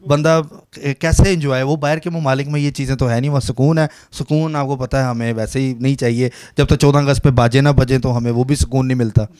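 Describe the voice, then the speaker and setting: A Pakistani-accented male host with a mid-range voice talks in a chatty, earnest way. He speaks warmly about his country and addresses his viewers directly. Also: medium pitch, fairly even intonation, a little fast, few pauses, clear, resonant tone. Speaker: interview host. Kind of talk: casual interview chat.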